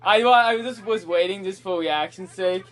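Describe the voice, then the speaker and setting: A young man with a high-pitched, fairly bright voice talks at a normal speed while co-hosting a podcast. He banters casually with friends, joking and getting defensive, swearing and laughing along the way.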